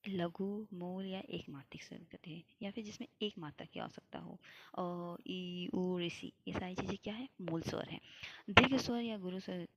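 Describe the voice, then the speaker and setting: Husky, gravelly-voiced woman teaching. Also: lowish voice, moderate pace, a bit bright, no echo, lo-fi sound. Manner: explains step by step, asks and answers her own questions. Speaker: Hindi exam-prep teacher. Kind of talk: classroom lecture.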